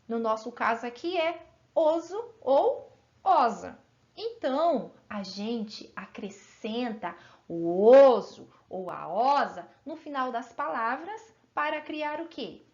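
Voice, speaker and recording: High-voiced woman teaching grammar, encouraging. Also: muffled recording. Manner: encouraging, asks pupils frequent check-in questions; stretches out example words slowly. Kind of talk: grammar lesson for children.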